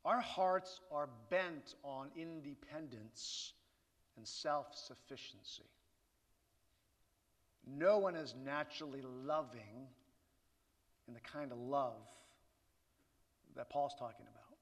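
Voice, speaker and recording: Slow-speaking man preaching in an echoing hall. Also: medium pitch. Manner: conversational preaching with rhetorical asides. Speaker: pastor. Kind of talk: sermon. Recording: reverberant hall.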